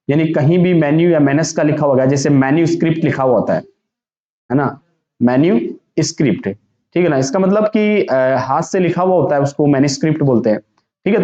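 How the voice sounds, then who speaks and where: Brief: male teacher, mellow slightly high voice, drills pronunciation with call-and-repeat, echoey dull recording. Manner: repeats each word slowly and asks the class to say it back. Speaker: vocabulary teacher. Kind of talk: exam-prep vocabulary lesson. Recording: echoey room, dull lo-fi sound.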